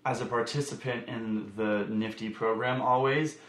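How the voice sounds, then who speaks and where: A young man, a camp song leader, telling his story in an animated, emphatic way. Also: lowish voice, moderate pace, roomy sound, poor audio. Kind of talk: casual interview talk.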